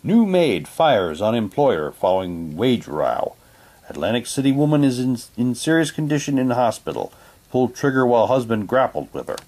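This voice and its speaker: Reading printed material aloud and commenting on it, a male unboxing presenter keeps things casual with offhand muttered asides. His voice is medium-pitched and somewhat dark, very animated, at a moderate pace.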